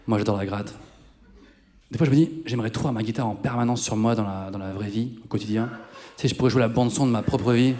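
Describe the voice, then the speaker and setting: A man's voice: fairly low pitch, quick pace, dark tone. A man in his thirties doing live stand-up comedy on a theater stage, chatting with the audience and mocking himself. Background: guitar music.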